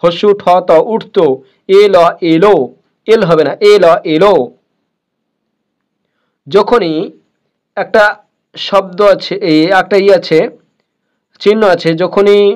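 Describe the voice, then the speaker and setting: A man with a high voice teaches a beginners' reading lesson. He sounds each word out patiently and says it again and again before moving on. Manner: slow, repeats words over and over.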